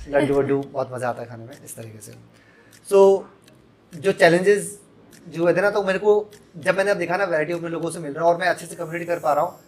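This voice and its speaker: A man in his thirties, a podcast guest who talks frankly and with strong opinions, dropping English phrases into casual interview talk. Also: on the high side.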